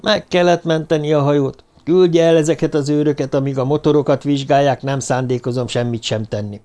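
Man putting on a desperate young man, high and loud. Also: steady tone, natural voice. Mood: firm. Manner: pleading, shouting. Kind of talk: audiobook narration.

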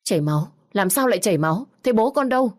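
A woman's voice: medium pitch, lively intonation, fast talker, voice pushed up, natural voice. A woman reading the lines of a young mother who rebuffs a suitor firmly and fusses anxiously over her son. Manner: firm, then anxious toward her child. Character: young mother, firm and protective.

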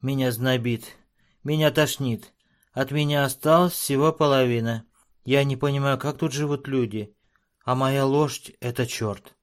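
Dwarf trader, read by a man, pitched way up, shrill and bleating, shivering and whining, storybook reading. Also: fairly even intonation, moderate pace, natural voice. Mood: whining, complaining. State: trembling with cold. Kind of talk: audiobook character voice.

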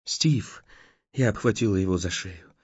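A man narrating an audiobook in a steady storytelling manner. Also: medium pitch, moderate pace, no echo. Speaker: audiobook reader. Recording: dull lo-fi dry recording.

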